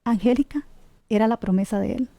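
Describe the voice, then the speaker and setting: A woman's voice: fairly high pitch, a little fast, dark tone, dry recording. A middle-aged woman gives an earnest, devout personal testimony, with restarts and tag questions. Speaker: guest sharing a grief story.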